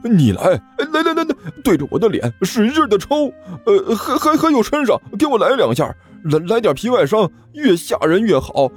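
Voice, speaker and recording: A man doing a shrill whiny pleading sidekick. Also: huge pitch swings, slightly rough, faint music behind, heavily acted. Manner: high, fast, wheedling and begging. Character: whiny pleading younger sworn brother, beaten.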